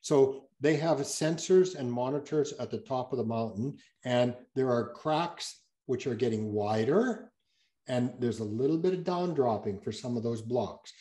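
A man's voice: mid-range voice, lively intonation, measured pace, mellow. A man speaking as a guest geologist, answering audience questions on a video call in a rambling, self-correcting way with many fillers.

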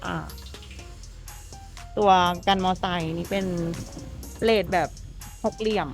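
A woman's voice: medium pitch, fairly even intonation, takes it slowly, gravelly, faint music behind. A woman presenting a walkaround of a customized truck at a workshop. She talks in a chatty, enthusiastic, polite way. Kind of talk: walkaround vehicle showcase.

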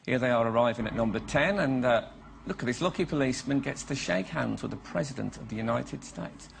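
A man's voice: medium pitch, animated, a little fast, gravelly, noisy background. A man comments with amusement on a clip he is introducing. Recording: studio audience in background.

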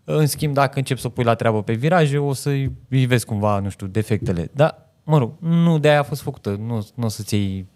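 A man with a medium-pitched voice co-hosts a car podcast in easy casual chat. He acts out small exchanges animatedly as he speaks into a studio mic. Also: few pauses, darkish tone. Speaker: podcast co-host. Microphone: studio mic on boom arm.

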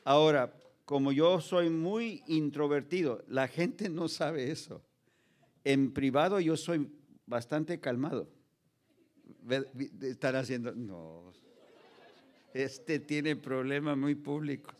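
Here the Los Angeles-born pastor, around fifty and Mexican-American in accent, speaks at a slow pace with a voice that is a little high and a little mellow. Standing at a microphone on a big indoor hall's stage, he delivers a funny sermon to a children's ministry, acting out dialogue and slipping in English phrases.

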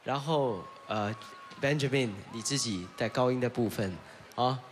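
A man judging a singing contest, telling contestants to relax in an animated, encouraging way. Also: mid-range voice, measured pace, slight background noise. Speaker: judge. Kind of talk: judge's critique on a talent show.

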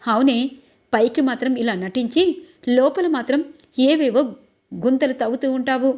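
A woman's voice: sits high, normal speed, darkish tone, lightly acted. A woman voicing a vengeful, scheming middle-aged mother who scolds harshly. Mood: angry.

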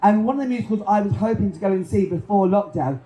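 A man with a high voice performs in drag on an outdoor Pride stage, talking fast and bantering with the crowd between songs in a chatty, self-mocking, camp style. He speaks through a handheld stage mic, and the poor-quality audio carries an echoey room sound with loud guitar music behind him.

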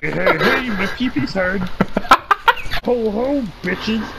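A man putting on a crude, rowdy lech who leers and hollers with glee. His voice is gravelly and drawn out slowly, lurching all over the place in pitch. Loud noise hums behind him. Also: expressive, exaggerated voice. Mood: leering. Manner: loud, leering and gleeful.

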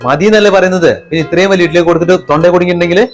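A man's voice: high-pitched, fairly even intonation, very fast. A man acting as an exasperated son in a family sketch, with light music behind. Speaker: son character.

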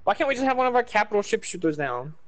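A young man chatting casually with a friend while gaming, laid-back and quick to laugh. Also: sits high, sing-song, a bit bright. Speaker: gamer.

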